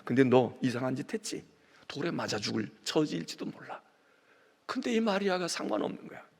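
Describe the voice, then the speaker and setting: A middle-aged man preaching a dawn prayer sermon as senior pastor, swinging between loud emphasis and hushed whispers. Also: on the high side, very animated, brisk, creaky, husky. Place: church sanctuary. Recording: long church reverb.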